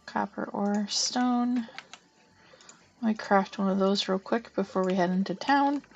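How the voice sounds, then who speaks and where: A woman's voice: mid-range voice, a little slow, creaky, highs cut off, a little hiss or hum. A young woman streaming a farming game, chatting casually and talking through each move she makes. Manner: chatty, narrates her gameplay aloud, hums to herself. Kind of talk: casual live-stream chat.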